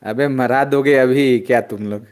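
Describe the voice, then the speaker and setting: A man teaching an online chemistry class. He drills students loudly in call-and-response and chides them as he goes. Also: medium pitch, fairly even intonation, normal speed.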